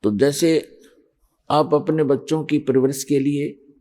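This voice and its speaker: A male preacher delivers a religious sermon at a very unhurried, deliberate pace. His voice is soft and mellow, pitched somewhat high for a man. He explains each point with patient, measured emphasis. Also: level tone. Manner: slow, measured, explanatory preaching with scripture quotes. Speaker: spiritual preacher.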